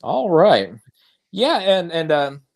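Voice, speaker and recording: A man's voice: fairly high pitch, very animated, slow pace, gravelly. A man hosting a casual livestream movie chat, rambling with frequent chuckles. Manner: rambling, laughing often. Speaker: host.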